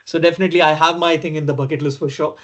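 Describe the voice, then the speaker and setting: A man's voice: a little high, fairly even intonation, very fast. A man from India hosting a podcast interview, speaking eagerly and filling his speech with "you know". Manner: eager, uses many "you know" fillers. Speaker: podcast host. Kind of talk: casual interview chat. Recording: dull lo-fi sound.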